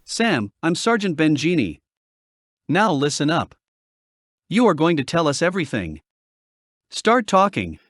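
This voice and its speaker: A man's voice: fairly high pitch, very animated, measured pace, long pauses, fairly bright tone, no echo, clean studio sound. Sergeant Bengini, a man playing a firm police sergeant. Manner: firm, commanding.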